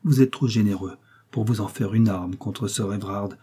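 A man reading a classic novel aloud in a measured, sober storytelling manner. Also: fairly low pitch, warm tone, slightly rough. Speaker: audiobook narrator. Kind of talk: literary audiobook narration.

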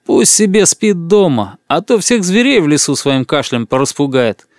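A man reading an audiobook plays a loud, boastful middle-aged boss who has been drinking and lectures people. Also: a little high, big pitch swings, moderate pace, no echo, studio quality, pitched above the performer's own voice. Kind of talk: audiobook character voice.

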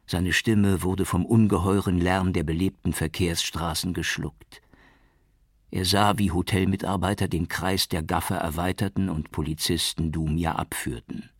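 A man reading an audiobook with steady, measured narration. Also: low voice, breathy edge, no room sound, clean studio sound. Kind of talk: scripted narration.

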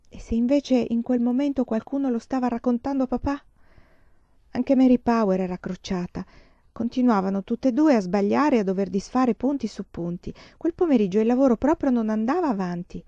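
Woman reading a story, mellow tone. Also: medium pitch, dry recording. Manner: even, measured storytelling. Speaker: audiobook reader. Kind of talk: scripted narration of a novel. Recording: dull, dry lo-fi audiobook recording.

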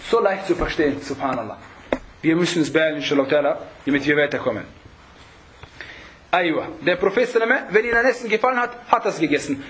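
With a high-pitched, fairly bright tone, a man gives an informal religious lesson to a group as an Islamic preacher. He talks conversationally, mixes in Arabic, and regularly checks back with his audience through rhetorical prompts.

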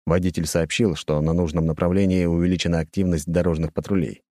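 A male narrator reads an audiobook in an even, measured way. His voice is very deep and warm, and it sits close and dry. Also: dry recording.

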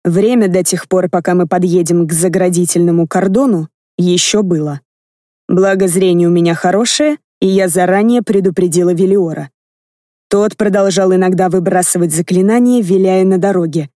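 A woman narrates a first-person fantasy audiobook in a lively, expressive way. Her voice sits low and mellow, and the recording is close and dry with no room sound. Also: moderate pace, dry recording. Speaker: audiobook reader.

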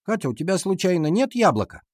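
Naive little boy, voiced by a man: higher, sniffly, husky. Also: big pitch swings, fast talker, dry recording, clean studio sound. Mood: innocent. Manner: sniffly, innocent questions. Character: naive little boy, the narrator's younger brother.

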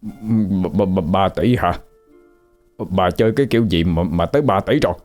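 A man's voice: low-pitched, animated, normal speed, a little mellow, faint music behind. A man voicing a flustered old village husband, stammering in exasperation.

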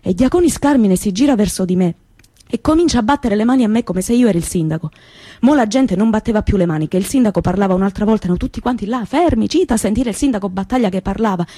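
A woman's voice: mid-range voice, fast, no echo, clean studio sound, lightly acted. Actress as a young Calabrian woman storyteller. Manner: lively storytelling, repetitive and colloquial. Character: young woman from Reggio recalling her youth. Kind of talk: theatrical monologue for radio.

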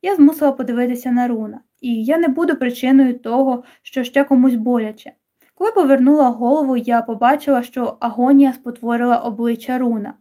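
High, mellow-voiced woman reading a novel. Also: fairly quick. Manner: emotional reading that voices both lovers in turn. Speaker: audiobook narrator. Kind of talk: audiobook reading of a romance novel.

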